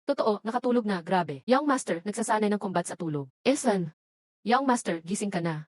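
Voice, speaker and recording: A woman's voice: medium pitch, animated, brisk, dry recording. A woman reading all the roles of a dubbed short drama in one voice.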